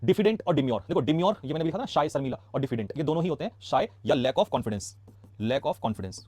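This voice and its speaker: A man with an Indian accent teaching English vocabulary in a casual classroom style, asking quick questions and answering them himself. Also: on the high side, lively intonation, a little mellow, slightly rough, no echo, studio quality. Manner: rapid, chatty, asks quick questions then answers them. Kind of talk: casual classroom lesson explaining words.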